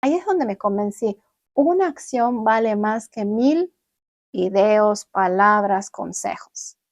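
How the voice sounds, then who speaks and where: A young adult woman vlogging, telling viewers about her own experience in an animated way and acting out what she once said. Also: medium pitch, slow pace, dry recording. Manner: animated, acts out her own past words. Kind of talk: personal storytelling to viewers.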